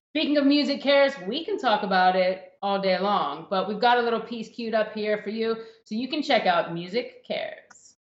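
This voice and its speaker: A woman hosting a virtual music festival livestream, chatty and playful, over a video call. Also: fairly high pitch. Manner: chatty, playful, fast asides. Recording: roomy, dull lo-fi sound.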